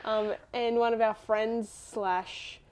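A woman with an Australian accent co-hosting a podcast, chatting casually and telling stories in an animated, giggly way. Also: fairly high pitch, slow pace. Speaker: podcast co-host.

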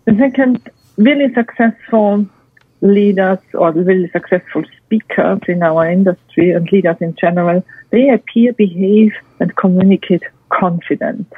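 This guest expert and speaker has a husky, medium-pitched voice and a moderate pace. Speaking English with a non-native accent, she delivers organized advice, listing points emphatically and going back over them, all on a dry, tinny, phone-like recording.

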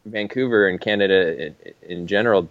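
A filmmaker in a casual podcast chat, explaining at length in an easygoing way with filler words. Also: male voice, low voice, fairly quick, dry recording, narrow, tinny audio. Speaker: independent filmmaker.

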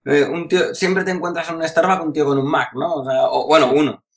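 A man's voice: a little high, steady tone, a little fast. A man, a course instructor chatting casually, rambling and interrupting himself with colloquial asides. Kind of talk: casual podcast chat.

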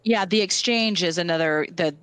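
A woman's voice: fairly low pitch, normal speed, fairly bright tone, clean tone, dry recording. A woman musician chatting casually about being an artist, in an earnest, encouraging way. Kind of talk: casual conversation.

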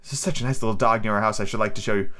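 A man's voice: lowish voice, fairly even intonation, very fast, pushed and bright. A man voicing a polite, earnest, chattering little girl from a storybook, eager and apologetic. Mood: eager, chatty. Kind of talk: storybook read aloud.

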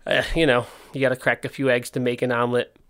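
A skate park owner hosts his own podcast, talking solo in a loose, casual way with a mid-range, fairly bright, clean voice. He speaks quickly with little pitch movement, and missing front teeth give him a slight lisp. He rambles candidly, often stopping mid-thought to rephrase.

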